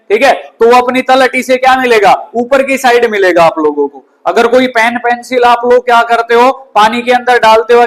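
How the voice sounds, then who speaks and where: Male classroom science teacher with a very high voice, who quizzes the class and answers his own questions. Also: fairly bright tone, rough recording. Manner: asks the class questions and answers them himself; often ends lines with "bhai". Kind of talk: classroom physics lesson. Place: school classroom.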